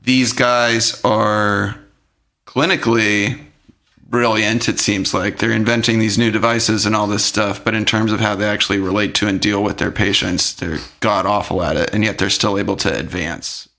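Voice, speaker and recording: A man's voice: fairly low pitch, fairly even intonation, normal speed, creaky, sharp tone. A man co-hosting a podcast, recapping and analyzing a film in a thoughtful casual way. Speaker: podcast co-host.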